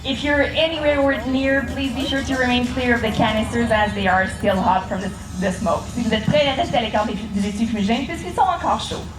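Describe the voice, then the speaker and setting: A woman's voice: a little high, a little fast, few pauses. A woman giving airshow commentary as the announcer of a parachute display. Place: outdoor air show. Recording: echoey PA with music behind. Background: music.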